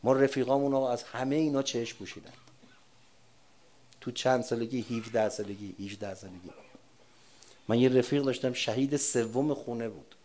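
Give me an older man preaching a sermon, switching between hushed storytelling and forceful, loud emphasis. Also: mid-range voice, pauses often. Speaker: religious speaker. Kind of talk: sermon with personal war memories.

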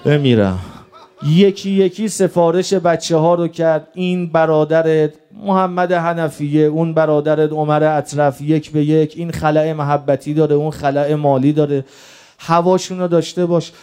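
A man's voice: fairly high pitch, steady tone, warm tone, smooth. A male preacher giving a mourning sermon from the pulpit, telling old accounts in a lamenting, grief-stricken way. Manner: storytelling, quoting old accounts.

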